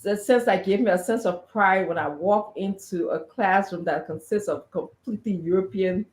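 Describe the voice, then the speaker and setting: A woman's voice: mid-range voice, moderate pace. A woman with a Liberian accent talking emphatically in a conversational talk show discussion. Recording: echoey room sound.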